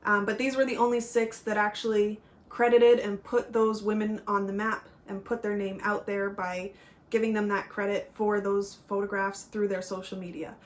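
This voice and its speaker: A woman speaks in an earnest, chatty vlog voice at a middle pitch. She is unpolished and apologetic, with filler ums. She talks to camera in the tone of a working photographer. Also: little pitch movement, moderate pace. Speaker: pageant vlogger and fashion photographer. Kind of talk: casual vlog commentary.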